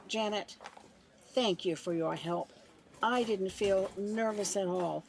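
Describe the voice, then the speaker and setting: An actress playing a sincere elderly woman, a new amateur actress, speaking slowly and plainly in a comedic audio drama. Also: medium pitch, creaky, slight background noise.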